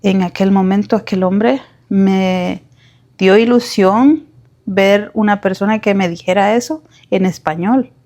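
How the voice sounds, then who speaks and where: Woman narrator for a personal testimony, slow and heartfelt, pauses and searches for words. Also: mid-range voice, darkish tone. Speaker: storyteller. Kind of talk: first-person emotional story narration.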